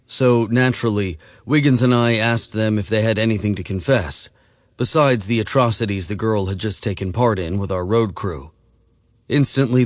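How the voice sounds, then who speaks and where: Low-voiced male audiobook narrator. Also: dry recording, studio quality. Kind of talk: scripted narration.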